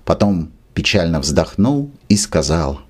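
A man narrating a classic short story with an expressive literary reading. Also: low voice, unhurried, breathy edge. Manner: expressive reading, lively intonation.

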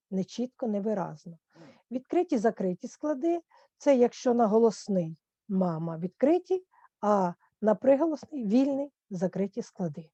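Woman teacher, slow careful diction. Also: mid-range voice, warm tone, no echo, highs cut off. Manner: slow, careful, clearly stresses each listed word. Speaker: Ukrainian language teacher. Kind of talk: explanatory lesson with word lists.

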